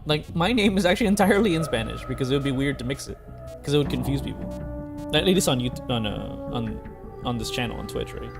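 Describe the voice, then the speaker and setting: A man's voice: medium pitch, expressive, fast, gravelly. A young man streaming a video game, rambling in casual commentary, laughing often and swearing casually. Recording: game music playing behind.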